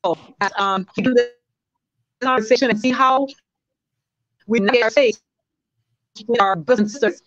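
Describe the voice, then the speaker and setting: An excited woman speaks in a fairly high voice. Her call audio is dry and dull, and it keeps breaking up in glitches. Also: moderate pace, pauses often, dry recording. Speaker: panelist. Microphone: video call.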